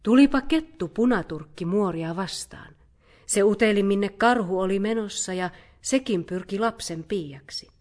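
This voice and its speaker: A woman narrating a children's fairy tale in a calm, measured read-aloud voice. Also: medium pitch. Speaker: storyteller.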